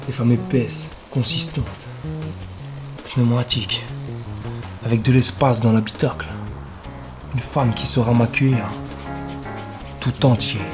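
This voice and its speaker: An actor playing a self-assured, solemn seducer in a comedy short, speaking in deliberate clipped phrases with loud music behind. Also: male voice, medium pitch, natural voice. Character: self-assured male seducer, solemnly praising large women. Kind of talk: comedy short film acting.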